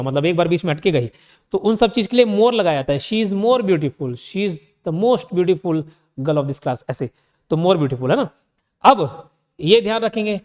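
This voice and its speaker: A man with an Indian accent teaching English grammar, asking his own questions and answering them, reading the example sentences out slowly. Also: sits high, in a large hall. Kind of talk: online exam-prep lesson.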